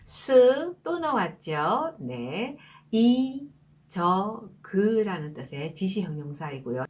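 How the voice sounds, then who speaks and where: Slow, careful woman teaching French pronunciation. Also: mid-range voice, sing-song. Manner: slow, careful, repeats words for practice. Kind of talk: pronunciation lesson.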